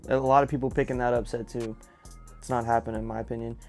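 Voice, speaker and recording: A man's voice: medium pitch, little pitch movement, quick pace, vocal fry, a little mellow, faint music behind. Laid-back man chatting casually. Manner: laid-back, drawling, repeats himself, filler words. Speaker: fragrance vlogger. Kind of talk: casual bracket picks chat.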